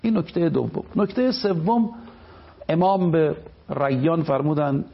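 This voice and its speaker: A male cleric lectures in a slightly high voice, pressing his points with emphatic explanation. The broadcast audio is dull and lo-fi, as if the highs were muffled. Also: gravelly. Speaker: cleric guest. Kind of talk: religious lecture on television.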